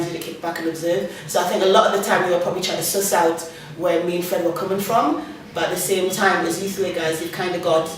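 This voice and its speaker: Reflective woman youth worker, echoey room. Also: lowish voice. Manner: reflective, thoughtful, with frequent ums. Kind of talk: documentary interview. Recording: very echoey room, far mic, noisy background.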